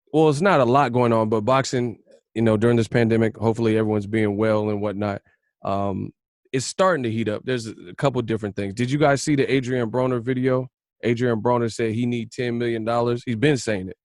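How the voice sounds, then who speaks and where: A man's voice: mid-range voice, fairly even intonation, brisk, a little mellow, dry recording, studio quality. A man hosting a casual group video call, teasing and joking with guests in slang. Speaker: host.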